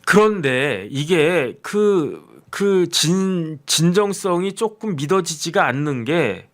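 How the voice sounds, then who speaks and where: A middle-aged man hosting a commentary channel, talking casually and acting out quoted voices in an animated way. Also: on the high side, slow. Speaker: lawyer and commentary channel host.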